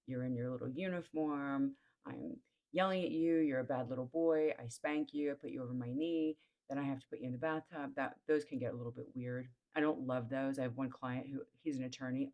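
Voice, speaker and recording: A woman with an unusually deep, low-pitched voice talks straight to her audience. She is frank and unembarrassed, laying out one item after another in a plain, matter-of-fact way. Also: darkish tone. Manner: blunt, matter-of-fact, listing items one by one. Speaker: host. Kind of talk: frank explanatory monologue.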